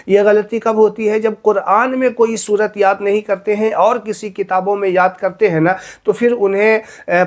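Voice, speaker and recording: Guy with a high voice explaining prayer mistakes, earnest, says things twice. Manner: earnest, repeats key points, slows to recite verses. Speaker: religious teacher. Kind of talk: instructional talk with recitation.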